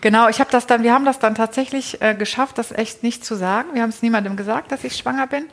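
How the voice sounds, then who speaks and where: A woman's voice: fairly high pitch, fast. A woman telling her personal story as an interview guest in a casual, chatty way, often restarting sentences and adding tag questions.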